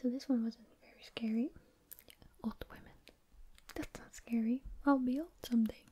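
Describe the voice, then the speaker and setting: A woman speaks entirely in a breathy whisper, as an ASMR host reading stories. Her sound is very dark and soft, with a husky, airy grain. She goes along unhurriedly and informally, moving between reading and casual rambling. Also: fairly high pitch, fairly even intonation, brisk.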